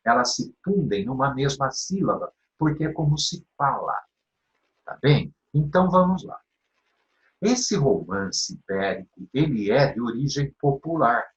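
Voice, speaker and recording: A man's voice: mid-range voice, measured pace. A Brazilian teacher runs an exam-prep literature lesson, his voice rising and falling with lots of animation. He poses questions, answers them himself, and half-sings verses while counting syllables. The recording sounds a little dull and lo-fi. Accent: Brazilian Portuguese. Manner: animated, asks and answers his own questions, checks in with "tá bem?".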